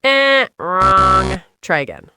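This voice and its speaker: An American woman running a scripted English lesson in a lively, teasing tone. Her pitch rises and falls a lot as she plays out little example lines. The sound is dry and close-miked. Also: takes it slowly, clear, resonant tone, no echo. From United States. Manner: playful, teasing, upbeat. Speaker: English teacher.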